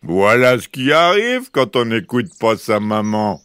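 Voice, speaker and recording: A man voicing a big, gruff papa bear in a children's storybook, grumbling slowly. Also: mid-range voice, very animated, a bit bright, no echo. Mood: mocking. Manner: slow, drawn-out grumbling delivery.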